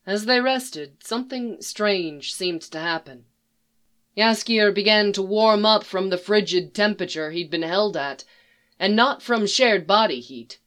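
A narrator reads a fan story aloud, unhurried and measured. The pitch sits at a middling height. The telling stays slow and even throughout. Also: smooth.

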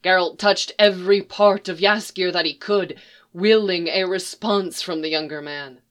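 A narrator reading a fan story aloud in a slow, even storytelling manner. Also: mid-range voice, smooth.

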